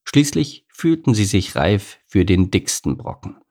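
A man narrating a children's animal story as an audiobook, reading lively and expressively. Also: lowish voice, a little slow.

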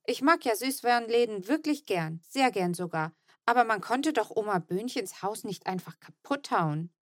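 A woman reading a children's audiobook in a steady first-person storytelling tone. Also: a little high, moderate pace, no room sound, clean studio sound. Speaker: audiobook narrator. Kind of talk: scripted narration.

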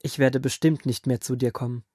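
A man voicing a steady, earnest prophet who answers a king firmly in a children's Bible audio drama. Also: medium pitch, brisk, no room sound, studio quality, close to an everyday voice. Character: firm steady male prophet leader.

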